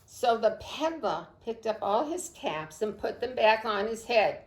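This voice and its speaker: A woman librarian reads a picture book aloud to young children at a slow, deliberate pace. Her slightly high voice is expressive, and she praises the children by name. The sound carries a roomy echo. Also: slight background noise. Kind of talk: storytime read-aloud.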